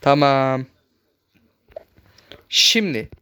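A man hosting a gaming channel, chatting casually through his gameplay, speaking a bit loudly on purpose and constantly addressing his viewers as friends. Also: medium pitch, very slow, smooth. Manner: talks loudly on purpose so the voice carries.

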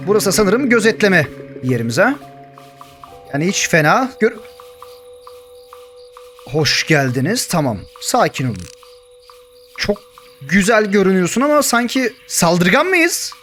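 A young man narrating and reacting to his Minecraft survival game, joking and yelling in panic when chased. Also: high-pitched, big pitch swings, a little slow, pauses often, soft background music. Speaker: gaming YouTuber. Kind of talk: Minecraft let's play with story narration.

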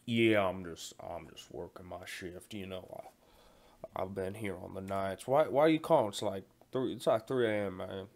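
At a moderate pace, a man with a low-pitched, slightly mellow voice rambles through a comic phone-call monologue. He portrays a callous night watchman of 40 who stammers, repeats words and leans on slang.

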